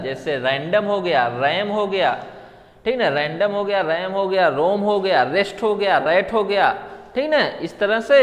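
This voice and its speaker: A man's voice: high-pitched, fairly bright tone. A man teaching a classroom lesson, drilling his students with repeated questions and answers. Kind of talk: classroom lesson on English letter sounds. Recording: long reverb, hall-like room.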